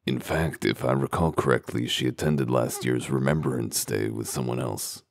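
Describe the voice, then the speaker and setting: A man playing a gruff, world-weary wolf detective in a comic dub, with gravelly voice and dry, sardonic, interrogating delivery. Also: a bass voice, normal speed, no echo. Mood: probing, dry.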